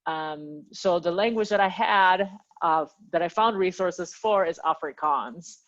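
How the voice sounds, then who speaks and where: Guest: Peruvian-born woman, low voice, friendly and chatty, muffled lo-fi audio. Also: unhurried, fairly bright tone. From Peru. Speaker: guest, language teacher. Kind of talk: casual interview chat.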